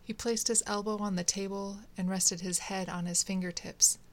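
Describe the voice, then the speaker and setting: Woman reading a short story aloud, steady and measured, middle pitch. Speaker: narrator.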